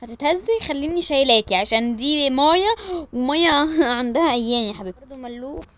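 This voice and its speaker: An Egyptian woman telling a role-play family story, switching quickly between the voices of a mother and her children. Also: high-pitched, expressive, fairly bright tone. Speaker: storyteller voicing all characters.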